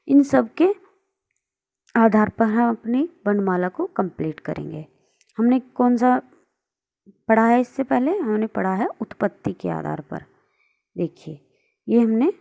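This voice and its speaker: Lady teacher going over grammar on screen, higher voice with some fry, mellow and kind of muffled, asks the class questions then answers them herself. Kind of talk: online lesson explaining on screen.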